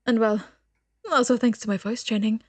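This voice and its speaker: A woman's voice: a little high, fairly even intonation, moderate pace, dry recording. A young woman streaming a game, chatting playfully and reading the dialogue aloud. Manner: chatty, playful, reads dialogue with small voices. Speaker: VTuber streamer.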